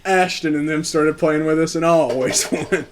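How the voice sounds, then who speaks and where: A man's voice: fairly high pitch, steady tone, moderate pace, background noise. A man telling a story in a casual chat, laughing and swearing as he goes.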